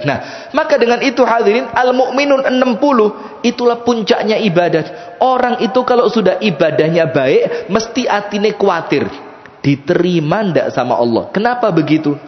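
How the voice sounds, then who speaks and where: East Javanese male preacher, lively and joking storyteller, somewhat high voice, echoey mosque sound. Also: highs cut off. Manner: lively, jokey, plays with the audience. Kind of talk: sermon with storytelling. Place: mosque hall.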